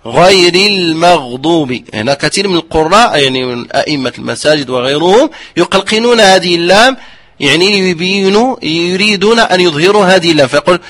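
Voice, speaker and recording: A man teaching the rules of Quran recitation, slowly modelling the sounds and often asking his listeners if they understood. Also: high-pitched, fairly bright tone. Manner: checks understanding with repeated questions; slowly drawn-out demonstrations of pronunciation. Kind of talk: explanatory religious lesson.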